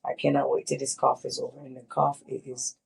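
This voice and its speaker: Her very deep, husky voice carries vocal fry and stays level in tone as she talks fairly quickly. The speaker, a congested middle-aged woman in a casual interview, recounts her chemo experience candidly and emphatically, stressing points by repeating words.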